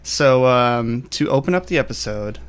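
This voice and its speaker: A man hosting a podcast, asking questions in a relaxed, reflective way during a casual interview. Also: medium pitch, moderate pace, clear, resonant tone. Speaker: podcast host.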